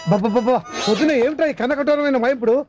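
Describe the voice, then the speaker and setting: A man's voice: very high-pitched, quick pace, loud music behind the voice. A scolding old grandfather. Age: older. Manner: scolding, mocking.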